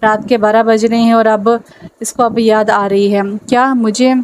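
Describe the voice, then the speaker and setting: A woman's voice: fairly high pitch, level tone, moderate pace, darkish tone, a little hiss or hum, natural voice. A woman reading a novel aloud, voicing a rude, short-tempered young man with curt, irritable lines. She stays in her own voice.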